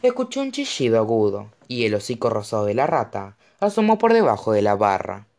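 A man's voice: fairly low pitch, huge pitch swings, brisk, darkish tone. A man reading a fantasy novel aloud, narrating expressively and dramatically. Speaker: audiobook reader.

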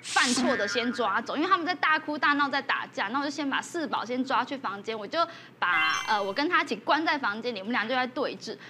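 High-voiced mother telling a story. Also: lively intonation, fast talker, hardly any pauses, noisy background. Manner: vivid storytelling, voices her children. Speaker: panel mother. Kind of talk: casual chat.

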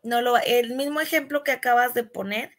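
A woman co-hosts a casual relationship podcast. Her voice sits slightly high, and she argues firmly, often acting out little quotations to illustrate a point. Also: brisk, a bit bright. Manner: firm, explains with quoted examples. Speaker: podcast co-host.

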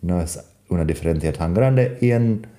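A man from the United States, an English speaker teaching English grammar in a bilingual lesson, patiently repeating example sentences and pausing with fillers. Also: sits low, expressive, mellow.

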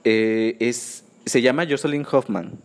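A man's voice: mid-range voice, measured pace. A man with a Mexican accent hosting a casual pop-culture news chat in a sassy, campy, gossipy manner. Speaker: podcast host.

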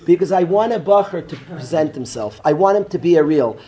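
Man, rabbi, animated, joking, slightly higher voice. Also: fairly quick. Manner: animated, joking, talks straight to students by name. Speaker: rabbi teaching a yeshiva class. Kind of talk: informal Torah class talk.

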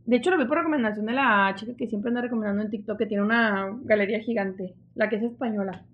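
A young adult woman with a Mexican Spanish accent, co-hosting a casual podcast chat and telling stories in a lively, chatty way. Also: medium pitch, fast talker, highs cut off, a little hiss or hum. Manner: animated, chatty storytelling. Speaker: podcast co-host.

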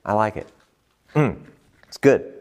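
A man's voice: fairly low pitch, unhurried. A man leading a group Bible study, teaching and asking the group questions. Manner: animated, asks the group questions.

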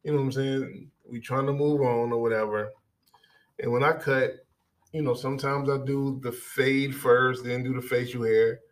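Animated barber telling a story. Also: male voice, mid-range voice, moderate pace. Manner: animated, conversational, peppered with "you know what I'm saying". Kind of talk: casual storytelling.

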